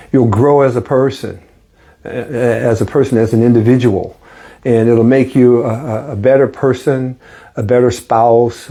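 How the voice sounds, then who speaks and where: A man in his late sixties giving casual life advice in a gentle, reassuring, reflective and conversational way. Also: mid-range voice. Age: late 60s. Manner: conversational, often seeking agreement with rhetorical questions. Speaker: host and investing coach.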